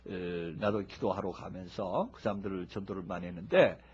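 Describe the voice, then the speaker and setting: A man preaching a sermon in a lively, humorous way, acting out people who shout as they pray. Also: sits low, brisk, husky. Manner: animated, humorous, acts out shouting worshippers. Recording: dull lo-fi recording.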